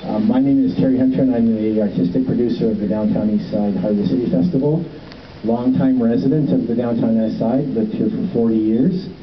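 On a city street, a middle-aged festival producer gives a relaxed, rambling welcome to a walking tour, full of ums and restarts. His medium-pitched voice is fairly quick, with slight background noise. He uses a handheld mic heard from a distance, and the phone-camera sound is roomy, distant and dull.

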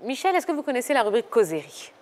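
Lively woman TV host. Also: on the high side, very fast. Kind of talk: TV talk show hosting.

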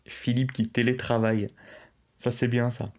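A man's voice: mid-range voice, little pitch movement, moderate pace, darkish tone. A young man hosting a live stream, casually chatting and reading out viewers' messages. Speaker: livestream host. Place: indoors, at a streaming desk.

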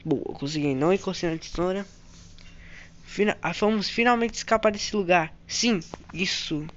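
A man with a Brazilian Portuguese accent doing let's-play commentary, excitably narrating his own moves to viewers and repeating phrases over and over. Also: high voice, moderate pace, lo-fi sound, slight background noise. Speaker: gaming channel host.

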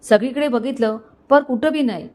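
A woman's voice: a little high, normal speed, darkish tone, pitched above the performer's own voice, lightly acted. A woman voicing a timid, frightened male household servant with rustic, stammering speech, in a storybook reading.

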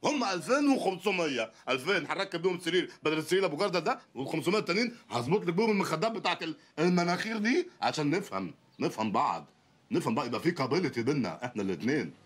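An actor playing a poor, bumbling loudmouth lawyer husband in a comedy film, ranting and sarcastic in an Egyptian accent. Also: male voice, a little high, big pitch swings, rapid-fire. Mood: mocking. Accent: Egyptian Arabic. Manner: ranting, sarcastic, wildly swinging delivery.

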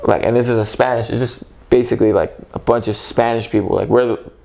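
A man's voice: mid-range voice, steady tone, fast, gravelly, warm tone. Profane, rambling young man telling stories. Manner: loose, profane storytelling with lots of fillers. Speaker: podcast guest, former band member. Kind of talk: casual podcast chat.

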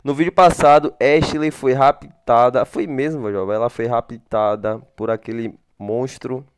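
He's a gaming channel host narrating casual gameplay, talking to viewers, answering his own questions and offering them blessings. The voice is medium-pitched, smooth, a little slow and fairly even, recorded at studio quality with no echo.

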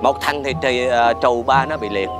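An actor with a Southern Vietnamese accent playing a sharp-tongued, mocking old man in a nursing home in a comedy sketch. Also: medium pitch, moderate pace, music in the background, natural voice. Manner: sarcastic, needling. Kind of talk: stage comedy acting.

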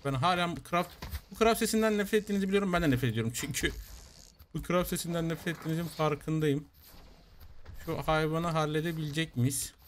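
Young male gaming YouTuber, slightly high voice, chatty and repetitive, getting loud in fights, faint background noise. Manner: talks to viewers and his creatures, repeats himself, gets loud and excited in fights. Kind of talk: casual let's-play commentary.

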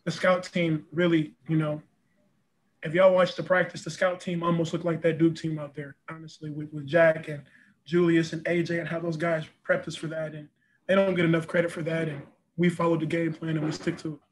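A young man who plays basketball in college takes reporters' post-game questions on a video call, indoors in front of a press backdrop. His fairly high voice stays level and moves fairly quickly, earnest and peppered with "you know" and repeated words. The low-quality recording carries a little hiss or hum.

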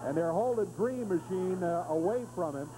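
A man's voice: sits high, expressive, normal speed, noisy background. A middle-aged man hosting and calling wrestling live into a handheld microphone. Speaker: wrestling host and commentator. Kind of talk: live interview and play-by-play commentary.

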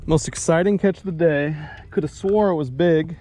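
A man's voice: fairly high pitch, normal speed, warm tone, a little hiss or hum. A man in his thirties giving casual, self-mocking running commentary while fishing from a boat and talking to his dog. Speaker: fishing vlogger. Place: outdoors on a bass boat on a lake. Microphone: action camera on the boat.

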